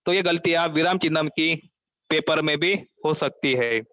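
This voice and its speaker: A male teacher working through an exam grammar lesson, asking questions and answering them himself, repeating the key terms slowly and deliberately. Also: on the high side, a bit bright, dry recording, poor audio.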